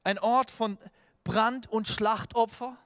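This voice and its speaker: A man's voice: sits high, slow pace, smooth. A man preaching a sermon in a church, telling stories animatedly with restarts and filler sounds. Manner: animated storytelling with acted-out quotes. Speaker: pastor.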